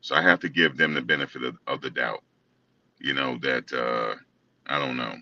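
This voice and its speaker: A man's voice: extremely low pitch, fairly even intonation, normal speed, bright, forceful tone, no echo. A man co-hosting a casual commentary chat, talking loosely with many fillers and restarts. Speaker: co-host. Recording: muffled, distant from the mic.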